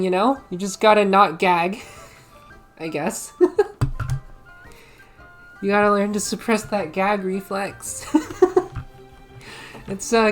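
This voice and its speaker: A woman streamer talking casually over a game, giggling often and rambling through her stories. She drops a casual swear here and there. Her voice has an ordinary middle pitch, and faint music plays underneath. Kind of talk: casual gaming commentary.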